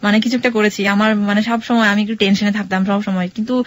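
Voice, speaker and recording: A woman's voice: medium pitch, flat delivery, fast talker, no room sound. A young woman calling in to tell her life story in casual chat, repeating phrases and acting out dialogue.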